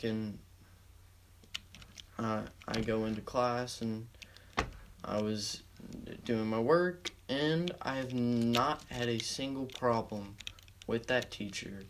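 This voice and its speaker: A man's voice: lowish voice, vocal fry, background noise. Swearing teen guy rambling a story. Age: teens. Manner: rambling, heavy swearing, many fillers. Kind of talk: casual storytime narration.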